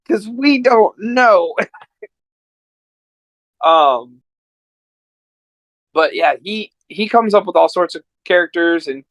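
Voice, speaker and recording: In a casual chat, a podcast guest who does amateur voice acting tells stories enthusiastically, rambling as he goes. His voice is a little high, and there's no echo.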